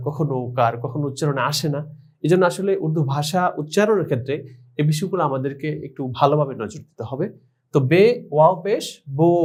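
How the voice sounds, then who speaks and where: Guy teaching an online class, higher voice, sounds out letters one by one slowly. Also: darkish tone. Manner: spells out letters slowly, syllable by syllable; addresses students directly, explanatory. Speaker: Urdu language teacher. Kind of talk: online language lesson.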